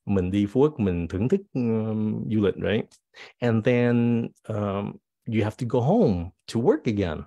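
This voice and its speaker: Guy teaching english words, kinda low voice, slow and careful, a bit sick with a cold. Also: lively intonation, mellow, no room sound. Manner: switches between English and Vietnamese, reads example sentences slowly. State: has a cold, clearing his throat. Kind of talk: bilingual vocabulary lesson.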